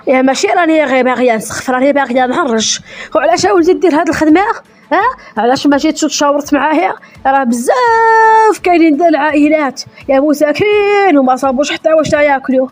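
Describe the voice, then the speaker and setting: A prying older mother, acted by a woman, who fires off rapid, reproachful questions at her son. Her voice is high and her pace quick, and she keeps up the nagging in a comedy sketch. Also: soft background music, lightly acted.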